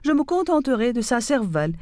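A woman's voice: fairly high pitch, big pitch swings, fairly quick, a little mellow, no room sound, voice pushed up. A woman voicing a hungry, weakened male lion from a fable, making excuses and promises. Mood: excusing.

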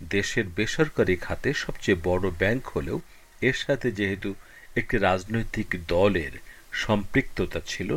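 Male public radio host, on the lower side, formal and measured interview delivery. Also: fairly bright tone.

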